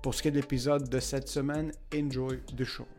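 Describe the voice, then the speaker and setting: Fast-talking man. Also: mid-range voice, level tone, a little mellow, soft background music. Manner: chatty, swears, mixes in English words. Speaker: podcast co-host. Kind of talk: casual chat.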